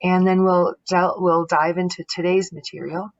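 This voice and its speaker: A woman facilitating a group course, gently introducing the session, on slightly muffled audio. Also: fairly low pitch, flat delivery, normal speed.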